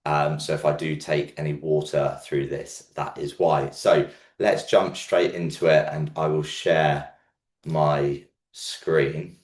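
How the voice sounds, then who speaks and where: A very deep-voiced man presents a market update like a commentator walking through figures. His voice is croaky and hoarse, as if a frog sits in his throat from feeling under the weather. The room around him is noticeably echoey. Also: flat delivery, takes it slowly, a little mellow. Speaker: host of a property market update show.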